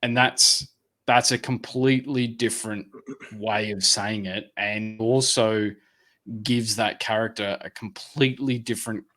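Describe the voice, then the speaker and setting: Forceful, heated podcast co-host, man. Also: on the low side, steady tone, a little slow. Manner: heated, ranting, swears freely. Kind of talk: casual podcast chat.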